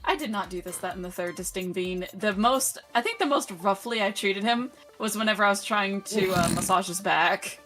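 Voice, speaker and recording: A woman's voice: medium pitch, moderate pace, hardly any pauses. A woman chatting casually in a group, with slangy, sweary talk. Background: clear background music.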